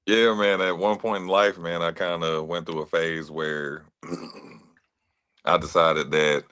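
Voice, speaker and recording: This interview guest, an actor and fitness trainer from Atlanta, Georgia, has a deep voice that comes across clear, resonant, and a bit bright. He spins easygoing stories in a level, unhurried tone, peppering them with "you know what I'm saying."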